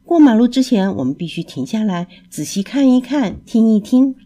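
A woman voicing a patient, kindly male cat who explains things gently in a storybook. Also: fairly high pitch, very animated, normal speed.

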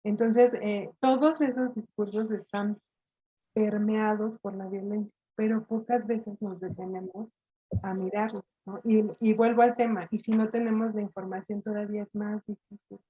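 A woman's voice: medium pitch, fairly even intonation, moderate pace, husky, dull audio. A woman guest on a podcast, talking thoughtfully and hesitantly with many fillers. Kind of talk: casual podcast chat.

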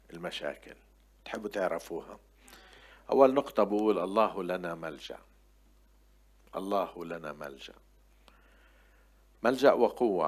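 Older guy preaching, lowish voice, gets loud on the verses then goes quiet and chatty. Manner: swings from loud emphatic scripture quotes to quiet asides. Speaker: pastor. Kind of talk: sermon.

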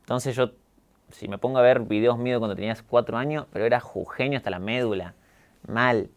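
Young Argentine male guest, neutral Argentine accent, clean smooth timbre, calm and candid. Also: mid-range voice, brisk. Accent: neutralized Argentine Spanish. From Córdoba, Argentina. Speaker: guest, YouTuber. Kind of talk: casual interview talk.

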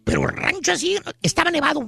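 A shrill, raspy little comic sidekick for a radio comedy bit. He is rowdy and slangy and bursts out loud, with a bright, sharp edge on every line. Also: expressive, quick pace, soft background music, heavily acted. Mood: joking.

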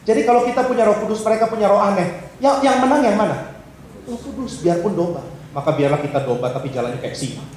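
High-voiced man preaching in an echoey hall. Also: fast talker, a little mellow. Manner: humorous, acts out little dialogues in changed voices. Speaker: pastor. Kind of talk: sermon. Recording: very echoey hall, faint background hiss.

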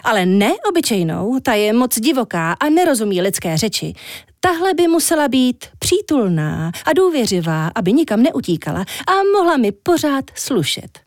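A woman reading a children's story, voicing a vain, chatty young woman with a high, flighty voice. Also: very animated, a little mellow, no room sound, studio quality. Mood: demanding.

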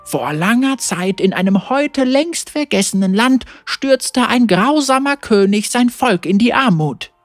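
A woman reads a fantasy tale aloud with measured, expressive pacing. Her voice sits fairly high and moves a great deal in pitch. The recording is close and dry, with no room sound. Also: dry recording. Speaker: narrator. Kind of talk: scripted storybook narration.

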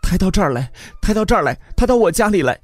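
A man's voice: high voice, very animated, fast talker, dry recording, faint music behind, voice pushed up. A man voicing a distressed young woman who pleads and cries out urgently. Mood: urgent pleading. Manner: pleading, crying out.

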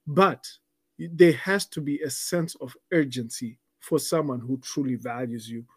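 A man's voice: medium pitch, unhurried, slightly rough, no echo, clean studio sound. A man co-hosting a casual podcast, explaining dating advice with business analogies, often restarting words.

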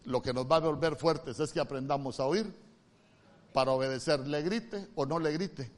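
A male pastor with a Honduran accent preaching a sermon, moving from loud emphatic calls to soft, hushed lines. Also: a little high, normal speed. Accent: Honduran Spanish.

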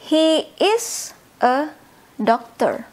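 A woman with a high voice gives a language lesson at an unhurried pace. She explains patiently, repeats each word slowly and checks in with her listeners as she goes. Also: big pitch swings, darkish tone. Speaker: English teacher.

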